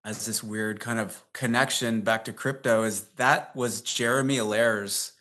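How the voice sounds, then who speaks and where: Here a tech CEO in his fifties, an American with no accent, talks as a guest in a casual interview. His lowish, sharp voice is a little slow with fairly even intonation, and his chatty, rambling anecdotes are peppered with laughter and fillers like "um" and "like."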